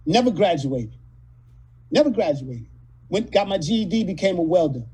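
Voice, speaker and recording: A man in his late fifties from California, telling rough, profane stories as a guest in a casual interview. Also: high voice, lively intonation, normal speed, dark tone, slight background noise, poor audio. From California, USA. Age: 50s. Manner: profane, rambling, street-talking storyteller. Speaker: actor guest.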